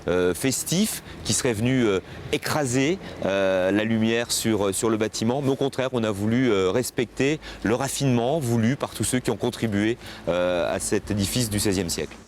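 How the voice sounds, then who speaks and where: A man's voice: lowish voice, moderate pace, slight background noise. A man interviewed outdoors, explaining a lighting design with many hesitations.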